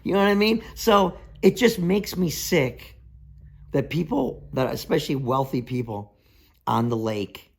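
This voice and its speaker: A man's voice: on the high side, a little slow, husky. A man who works as a foundation contractor, telling a story in a reality-show confessional as an exasperated ranter who acts out other people's voices.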